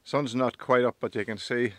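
An outdoor vlogger in his fifties talks casually to his phone camera, held at arm's length, on a windy mountaintop. His mid-range, fairly bright voice moves at a moderate pace with fairly even intonation, and the recording is dry. He's chatty, quick to laugh and self-mocking.

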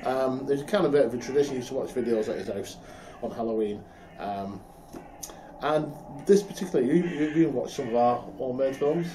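A middle-aged man from the UK, chatting casually as a co-host and telling a story with animated laughs. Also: mid-range voice, brisk, slight background noise. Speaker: podcast co-host. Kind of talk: casual chat.

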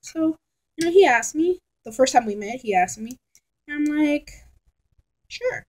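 Thirty-year-old woman, fairly high voice, chatty rambling vlogger at a close laptop webcam in a bedroom. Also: lively intonation, unhurried, rough recording. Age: 30s. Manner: rambling, chatty, frank and exasperated. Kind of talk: casual rambling vlog. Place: bedroom at home, indoors. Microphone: laptop webcam at close range.

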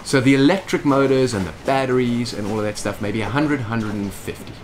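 A boat owner in his forties is interviewed in his boat's salon, explaining things casually and gesturing with his hands in an animated way. His medium-pitched voice moves briskly over a faint hiss or hum.

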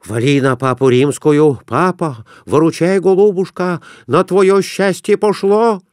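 A man voicing a boisterous, stubborn provincial merchant who shouts in a folksy way. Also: on the high side, fairly even intonation, measured pace, dry recording, clean studio sound, voice pushed up, lightly acted. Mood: rowdy.

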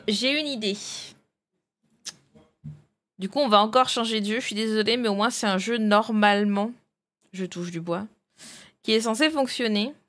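A woman streamer chats casually with her viewers during a live stream, checking files and switching games while thinking aloud. Her voice is mid-range and a bit bright.

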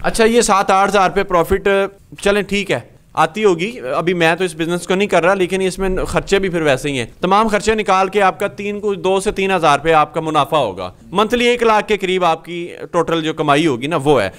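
A man from Pakistan with a fairly high, smooth, clear voice hosts an interview inside a small workshop. He talks into a handheld mic and explains each machine in turn, laying out costs and profits. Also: brisk, a bit bright. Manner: explanatory, walks through machines. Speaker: host. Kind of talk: business interview and walkthrough.

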